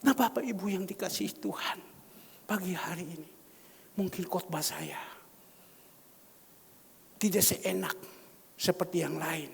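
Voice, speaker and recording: A middle-aged man preaching a sermon as pastor, swinging between loud exclamations and hushed whispers. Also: sits high, a little slow, vocal fry, pauses often, husky. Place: large church hall. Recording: long church reverb.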